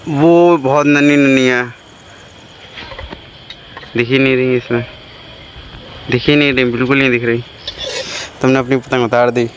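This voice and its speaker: A man doing a casual, chatty vlog from a rooftop, talking to his viewers as he shows them around. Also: mid-range voice. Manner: chatty, talks to viewers as "guys" while showing around. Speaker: vlogger. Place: outdoors on a rooftop. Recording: outdoor noise with passing traffic.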